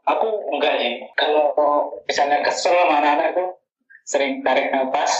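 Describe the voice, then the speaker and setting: Man, kindergarten teacher, podcast guest, animated storytelling, roomy lo-fi sound. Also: a little high, brisk. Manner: animated storytelling, laughs often. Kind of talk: casual podcast chat.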